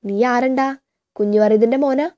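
A sly middle-aged village priest, as a woman reads him aloud, needling the mourners with thin sarcasm. The voice sits a little high for a man and stays mellow. It is a storybook reading. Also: steady tone, normal speed, natural voice. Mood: mocking.

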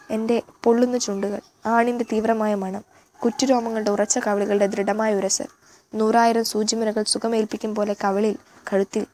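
Mellow-voiced woman reading a novel aloud. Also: mid-range voice. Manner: measured, expressive reading with an unedited slip. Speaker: audiobook reader. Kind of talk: literary narration of a novel.

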